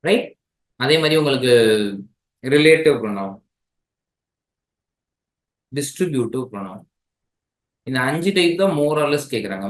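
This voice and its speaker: A man with a Tamil accent teaches an exam-prep grammar class in a slightly higher voice. He keeps checking in with his listeners as he explains. The room is echoey. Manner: mixes languages, checks in with "right?".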